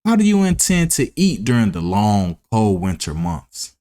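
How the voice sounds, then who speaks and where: A man with a fairly low, mellow voice and huge pitch swings reads at a moderate pace, voicing an ant in a children's storybook read-aloud. The ant is hardworking, sensible, and stern, lecturing with earnest warning and admonishment.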